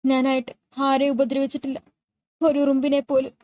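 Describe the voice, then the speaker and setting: A woman's voice: high-pitched, completely flat delivery, moderate pace, mellow, close to an everyday voice. A woman voicing a frightened young woman in hospital pain, anxious and pleading.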